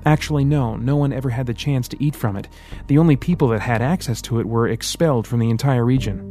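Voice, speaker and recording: A man doing a calm, mysterious mentor. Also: mid-range voice, soft background music, close to an everyday voice. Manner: measured, mysterious explaining.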